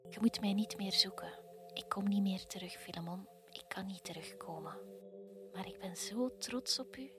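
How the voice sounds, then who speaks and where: A woman's voice: mid-range voice, moderate pace, background noise, lightly acted. A woman voicing a departed, loving female kingfisher in whispered role-play, tender and consoling.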